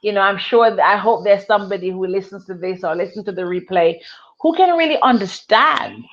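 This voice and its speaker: Telling her life story as an interview guest, a woman from Jamaica in her thirties speaks earnestly and emphatically, repeating phrases for effect. Her voice is medium-pitched and brisk, and the audio sounds dull.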